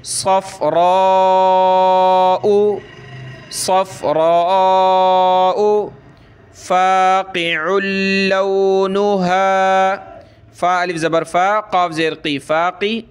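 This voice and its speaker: A man with a Pakistani Urdu accent teaching Quran recitation, chanting verses slowly and melodically, then explaining pronunciation rules at a brisk pace. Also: sits high, fairly bright tone, clean tone. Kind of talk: tajweed lesson, slow chanted recitation alternating with quick explanation.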